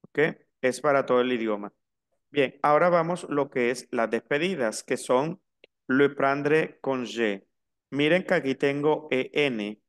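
Male language teacher, smooth clear voice, slow careful pronunciation drills. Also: medium pitch, lively intonation. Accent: Latin American Spanish. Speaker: French teacher. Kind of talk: online language lesson.

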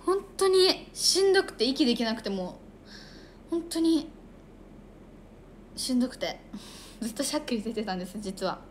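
A woman's voice: a little high, lively intonation, normal speed, long pauses, slight background noise. A young woman chatting casually on a livestream, reading viewer comments aloud. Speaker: idol livestreamer.

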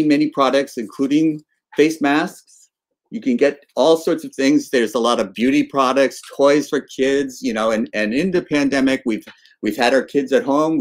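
A man in his sixties hosting a casual video-call interview, talking haltingly with many fillers and restarts. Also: mid-range voice. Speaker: interview host. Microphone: webcam on video call.

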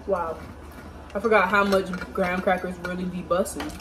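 In a small home kitchen, a young American woman hosts a cooking vlog and chats casually and playfully in slang with her viewers. Her voice is lowish, with fairly even intonation and normal speed. A distant phone or camera mic picks up noisy kitchen ambience.

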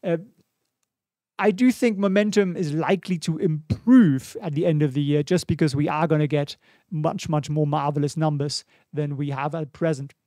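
With a dark, steady voice on the high side, a German-accented man in his forties moves at a moderate pace through casual live market commentary. As a stock livestream host, he reads viewer questions and thinks out loud over the charts. A boom studio mic sits in front of his face in his small home studio, with no echo.

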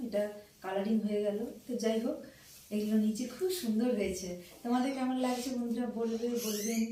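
Middle-aged woman softly gushing over her shopping, bit high voice, roomy echo, kinda far from the mic. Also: a little hiss or hum. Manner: chatty, gushing, repeats herself; soft, hushed talk. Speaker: vlogger showing purchases. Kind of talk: casual show-and-tell chat.

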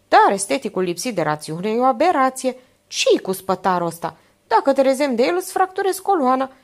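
A woman's voice: fairly high pitch, pitched above the performer's own voice. A woman voicing a male police major who questions people in a formal, courteous way in an audiobook.

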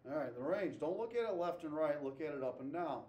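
A man's voice: on the high side, expressive, quick pace, warm tone. A man teaching a math class, asking students questions, repeating their answers and tagging "okay?" after his points. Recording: echoey classroom, voice from far off.

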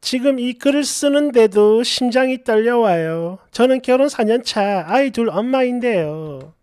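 A woman narrating a reader's submitted story in the first person, expressive and acting out the quoted lines. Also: fairly high pitch, dry recording, clean studio sound. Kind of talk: dramatic reading of a reader's story.

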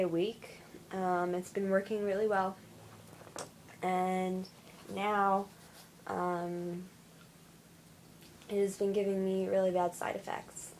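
A tired young woman talking at home in a casual video diary, halting, with many fillers and restarts. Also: medium pitch, darkish tone, slight background noise, rough recording. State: tired, yawning. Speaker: vlogger.

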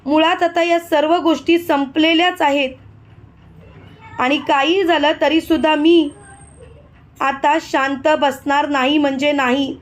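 Loud stubborn mother-in-law, scolding, woman reading it high. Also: fairly even intonation, a little slow. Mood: angry.

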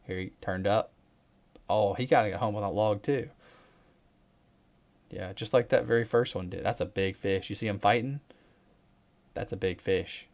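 Guy talking over fishing clips, lowish voice, rambly, repeats himself, gets pumped on big fish. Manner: relaxed, rambling, repeats words, excited bursts at fish. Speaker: fishing vlogger. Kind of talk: casual commentary over fishing footage.

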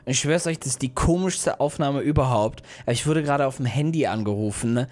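A young man narrating a mobile game as a YouTuber, excitable and yelping in fright. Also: medium pitch, fast. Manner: excitable, yelps and shouts in fright. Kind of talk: let's play commentary.

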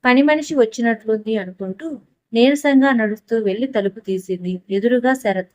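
A woman's voice: on the high side, moderate pace, dark tone, no echo. Woman reading an audiobook story. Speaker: audiobook narrator. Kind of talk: scripted story narration.

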